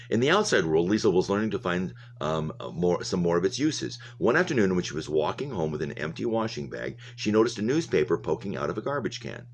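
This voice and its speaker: A man with an extremely low voice reads a novel aloud the way a teacher would, adding plain explanatory comments for his listeners between passages of prose. There is slight background noise.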